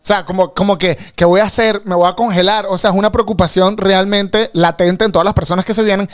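A man's voice: high voice, steady tone, quick pace. A man, telling funny stories in casual chat as a co-host. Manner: joking storyteller.

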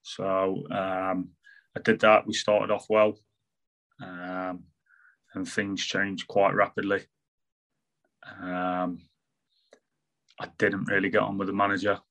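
A former footballer with an English Midlands accent, talking in a casual podcast interview with halting, restarting sentences. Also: male voice, sits low, completely flat delivery, fairly bright tone, low-quality recording. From England. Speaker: football manager and former player.

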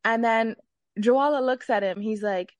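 A woman's voice: a little high, unhurried, no echo. A woman from Canada, a guest on an interview, recounting events step by step in casual storytelling. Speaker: guest, mother.

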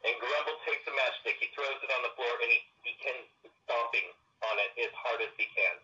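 A man playing a tabletop roleplaying game over a call, his voice thin and tinny like a walkie-talkie with no bass, halting and restarting as he thinks aloud. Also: bright, forceful tone. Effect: thin, tinny walkie-talkie-like sound with no bass. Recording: faint lo-fi mic far from the speaker.

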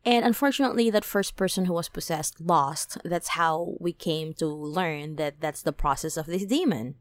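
A woman hosting a podcast, telling a dream story in a casual, animated way, packed with "like" and "right?", her voice climbing high when excited. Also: normal speed, no echo. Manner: animated, many fillers like "like" and "right?". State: toothache, on medication. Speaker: podcast host.

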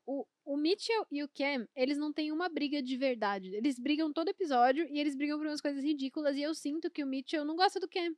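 A woman's voice: sits high, quick pace, hardly any pauses, dry recording, studio quality. A Brazilian woman hosting a podcast, chatting in an enthusiastic, opinionated way. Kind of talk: casual chat.

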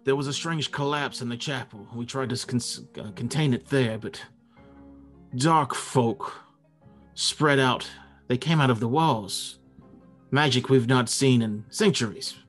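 A man's voice: mid-range voice, unhurried, a bit bright, soft background music. A man voicing a wary dwarven guardian in a fantasy tabletop game, questioning strangers with a suspicious, muttering manner. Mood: grave.

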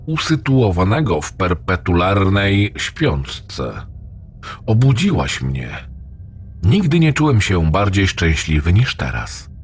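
A man voicing a gloating, crude male AI demon in a horror story reading, with a rough, mocking voice. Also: exaggerated voice. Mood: taunting. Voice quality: rough, ugly, abusive voice. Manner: taunting, lewd, lively pitch swings.

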